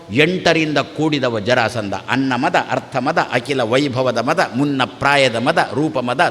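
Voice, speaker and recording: A man giving a devotional sermon, asking rhetorical questions and answering them himself in a steady listing cadence. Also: in a large hall. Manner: acts out quoted exchanges with shifting pitch. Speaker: religious teacher giving a discourse.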